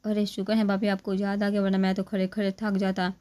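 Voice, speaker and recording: A woman's voice: medium pitch, monotone, brisk, dark tone, close to an everyday voice. A woman voicing a talkative young man who keeps teasing his friends, in a chatty, joking manner.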